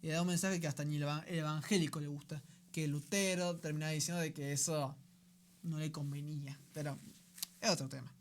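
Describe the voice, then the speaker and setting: A man's voice: a little high, fairly even intonation, fairly quick, a little hiss or hum. A man with a Rioplatense Spanish accent hosting a radio program, giving a conversational teaching talk and often checking in with his listeners.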